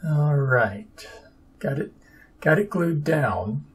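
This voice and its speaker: A man's voice: on the high side, lively intonation, takes it slowly, husky. A man narrating his own papercraft build in a casual, dry, sarcastic and self-deprecating way. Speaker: papercraft hobbyist.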